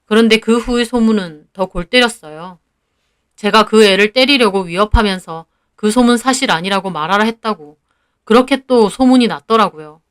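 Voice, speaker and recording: A woman narrating a first-person story in an even, measured storytelling manner. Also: mid-range voice, clear, resonant tone.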